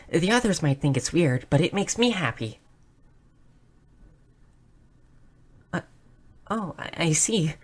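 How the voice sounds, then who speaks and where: Bashful and touched, a woman plays a shy, curious, nerdy young goblin girl in a roleplay audio drama, her soft, earnest, hesitant delivery marked by small stammers. Her voice is lowish, and the acting is light.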